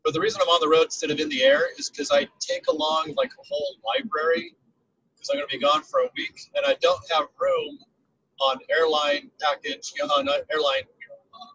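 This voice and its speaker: A gravelly man in his 60s co-hosts a podcast over a muffled, dull lo-fi remote line from a rental car on the road, sounding tinny and boxed in like he's inside a tin can. His fairly bright voice swoops through huge pitch swings at a brisk clip as he chats casually, rambling, hesitating and trailing off mid-thought.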